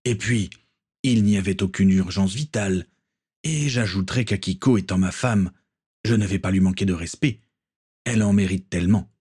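A man voicing a stern ship captain in a storybook reading, measured and commanding, with a husky voice. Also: low-pitched, a little mellow.

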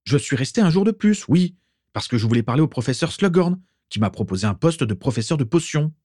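A man's voice: medium pitch, big pitch swings, a little fast, warm tone, no echo, studio quality, voice pushed up. A man doing a defiant, defensive young wizard. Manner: protesting, indignant.

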